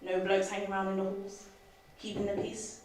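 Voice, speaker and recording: A woman's voice: medium pitch, completely flat delivery, a little fast, darkish tone, slight background noise, close to an everyday voice. A woman playing a blunt, scornful young female prisoner, on stage in an echoey theatre. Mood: flat. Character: tough young female prisoner, angry at men. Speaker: actor in a student stage play. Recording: echoey theatre, mic far off.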